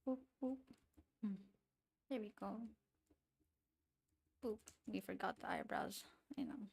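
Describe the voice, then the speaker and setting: A woman's voice: medium pitch, slow pace, gravelly, darkish tone. A young woman with a non-native English accent, chatting in a rambling, giggly way with her chat as she draws on a livestream. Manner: rambling and giggly, talking to herself as she works. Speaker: streamer. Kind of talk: casual chat while drawing on a livestream.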